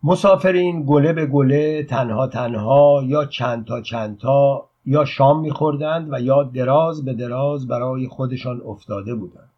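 Husky male audiobook narrator, steady measured reading, muffled lo-fi sound. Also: medium pitch.

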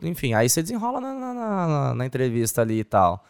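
A man's voice: medium pitch, very animated, fairly quick, vocal fry, clean tone. A man hosting a casual interview, chatty and agreeable with jokey asides. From Brazil. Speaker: interview host.

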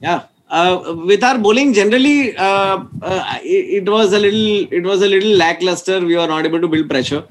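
Quick, higher-voiced Indian man, noisy recording. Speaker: podcast host. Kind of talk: casual cricket discussion, mixing Hindi and English. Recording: clear background noise with clicks.

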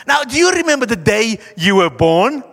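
South african guy preaching, really high voice, bit gravelly, big echoey hall, stresses his words. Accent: broad South African. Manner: animated, emphatic, dramatic pauses, slowed stressed phrases. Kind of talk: sermon, conversational Bible teaching. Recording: echoey hall with long reverb.

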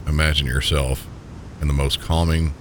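A man with a Southern US accent narrates like a sleep story host, soothing listeners in a calm, gentle, unhurried manner. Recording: steady low rumbling background noise. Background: low pink-noise rumble.

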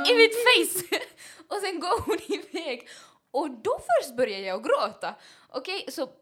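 A young woman with a Finland Swedish accent, co-hosting a podcast and telling a story in a casual chat, animated and laughing, slipping English phrases in. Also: very high-pitched. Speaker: podcast co-host.

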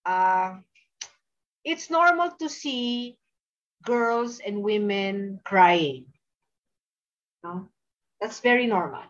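A woman's voice: mid-range voice, expressive, extremely slow, pauses often, a bit bright. A woman with a Filipino accent preaching a sermon, stressing her points and checking in with her listeners through frequent tag questions. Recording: dull lo-fi recording.

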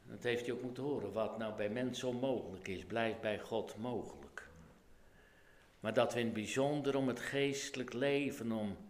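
A man's voice: mid-range voice, moderate pace. A Dutch-accented man preaching a sermon as pastor, earnest and pleading, his voice rising to urgent calls.

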